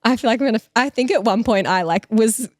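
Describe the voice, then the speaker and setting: Talking quickly in a fairly high voice, this woman co-hosts a podcast, chatting and reading out stories sent in by listeners. Her audio is clean studio sound without room tone, though some of her voice drops out, and she frequently laughs.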